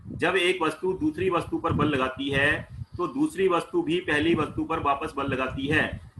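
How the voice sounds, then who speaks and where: Bright-voiced man teaching science. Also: a little high, slight background noise, low-quality recording. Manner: asks questions and answers them himself; plain everyday explanations with household examples. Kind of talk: explaining a class 9 worksheet.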